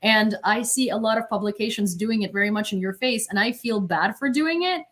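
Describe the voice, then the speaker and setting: A woman's voice: medium pitch, fairly quick, a bit bright. A young woman reads out news headlines and rambles between them on a home webcam. She talks casually and self-consciously, full of fillers and restarts. She sounds like she is alone at a desk in her bedroom. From Ukraine. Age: young adult. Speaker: independent journalist. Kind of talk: casual news livestream commentary.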